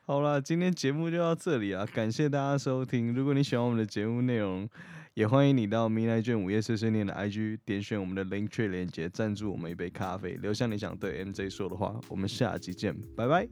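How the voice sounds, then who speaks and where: A man's voice: fairly low pitch, fast, hardly any pauses, a little mellow, no room sound, studio quality. A young man with a Taiwanese accent hosting a casual podcast chat. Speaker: podcast host.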